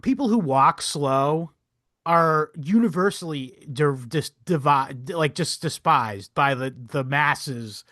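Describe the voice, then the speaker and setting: Animated, rambling man with a higher voice. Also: slow pace, dry recording, studio quality. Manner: rambling, animated, swears, laughs often. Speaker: podcast co-host. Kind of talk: casual history podcast chat.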